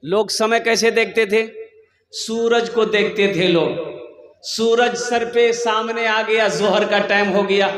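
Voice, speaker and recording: A man's voice: high-pitched, steady tone, slow, fairly bright tone. A man with a Kolkata accent giving a humorous sermon, playfully quizzing his audience over a public address mic. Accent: Kolkata Hindi. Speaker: Islamic preacher. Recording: echoey hall, long reverb.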